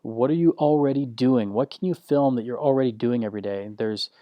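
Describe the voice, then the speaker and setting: Slow, low-key man teaching a course. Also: no room sound, dull audio. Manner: frequent restarts and filler words. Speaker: online course instructor. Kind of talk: recorded course lesson.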